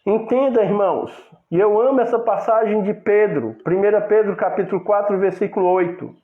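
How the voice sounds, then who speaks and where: A man's voice: sits high, normal speed. Man, preacher, sermon, lofty voice, phone-like tinny sound. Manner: preachy, acts out couple's quarrels in quoted voices. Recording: echoey room over a tinny phone-like line.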